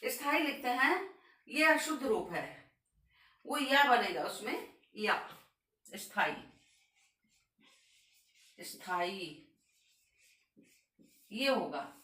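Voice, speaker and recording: A woman teaches a grammar lesson at a slow, deliberate pace, her voice bright and fairly high. She repeats each word with care and stresses the correct form. She sounds a little far from the mic in an echoey room. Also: sing-song. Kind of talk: board lesson on spelling.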